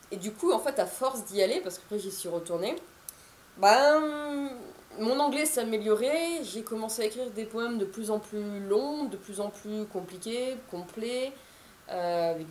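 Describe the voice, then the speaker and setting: A woman's voice: medium pitch, a little mellow, echoey room, a little hiss or hum. A woman in her thirties, an author, chatting to camera in a casual, rambling way with many fillers and restarts. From France. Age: 30s.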